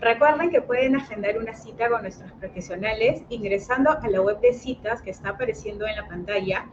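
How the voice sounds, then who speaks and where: A woman's voice: fairly high pitch, a little fast. A woman hosting a clinic livestream, reading questions and closing announcements in a formal, scripted way. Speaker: host. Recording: dull lo-fi livestream with noise.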